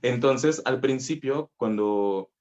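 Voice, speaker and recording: A man's voice: medium pitch, slow pace, darkish tone, lo-fi sound. A man from northern Mexico with a Mexican Spanish accent, a voice teacher giving a conversational talk full of fillers. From northern Mexico (Coahuila). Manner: conversational, many fillers, laughs easily. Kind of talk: conference talk.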